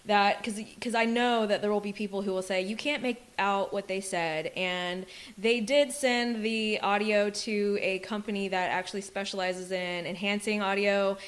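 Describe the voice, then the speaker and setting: A woman's voice: medium pitch, fairly even intonation, normal speed, hardly any pauses. Emphatic woman hosting a true crime podcast. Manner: emphatic, argumentative storytelling. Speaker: podcast co-host.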